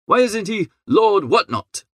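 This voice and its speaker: A man plays a breezy young idle gentleman narrating his own storybook tale in scripted first-person audiobook style. His fairly high voice swoops with lively, heavily acted flair as he chatters in jaunty old-fashioned slang at a measured pace, and the recording is close and dry.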